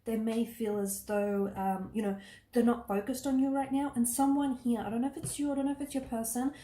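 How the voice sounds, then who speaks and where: A woman's voice: on the high side, fairly even intonation, brisk, warm tone, echoey room. A woman giving a casual tarot reading, talking earnestly and reassuringly with lots of "you know" and "okay", her voice a little worn. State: losing her voice. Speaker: tarot reader.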